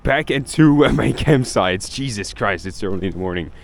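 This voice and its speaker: With a lowish, creaky, expressive voice at a moderate pace, a young Belgian man whose first language is Dutch rambles through a travel vlog. He's outside on a city street, cursing now and then, with faint street sounds audible.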